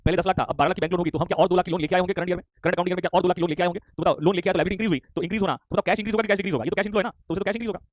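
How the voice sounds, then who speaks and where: A man's voice: high-pitched, steady tone, no room sound. A man teaching a live online class, teasing students and reading their chat replies aloud while repeating his questions. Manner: repeats questions rapidly, pressing for answers. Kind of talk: live online commerce lecture in Hinglish.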